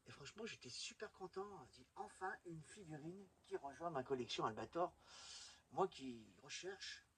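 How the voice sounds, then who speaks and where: This host of a collectors' video channel has a husky, somewhat bright voice on the high side. Indoors at home, he chats with casual enthusiasm in a rambling vlog displaying his collection, captured on a noisy recording.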